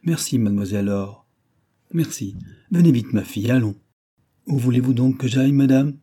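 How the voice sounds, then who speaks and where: A man voicing a brisk, fussing middle-aged mother in an audiobook reading of a classic novel. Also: medium pitch, warm tone, husky, natural voice. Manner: hurried, fussing. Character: brisk, bustling older mother.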